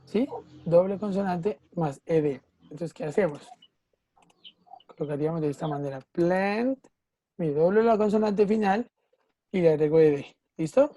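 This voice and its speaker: A woman teacher talks through a lesson in an online class. Her voice sits low and mellow and sounds close and dry. She keeps checking that her students follow along. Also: moderate pace, no echo. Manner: patient, checks understanding often with "¿sí?" and "¿listo?". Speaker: English teacher.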